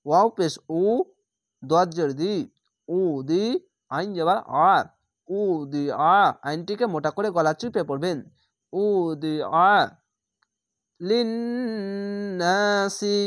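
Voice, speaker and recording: A woman with a somewhat low voice teaches recitation, breaking every word into letters and vowel marks before joining them back up at a slow, patient pace. The recording is close and dry, with no room sound. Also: no echo. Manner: spells each letter and vowel, then blends the word slowly. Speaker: Quran reading teacher. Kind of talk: slow spelled-out recitation lesson.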